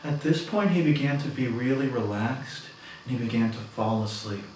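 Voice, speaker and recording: A soft-spoken man guides a mock meditation with earnest, self-important solemnity. His voice rings through a very echoey room and sounds a little distant from the mic. A faint hiss sits underneath. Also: mid-range voice, steady tone, moderate pace.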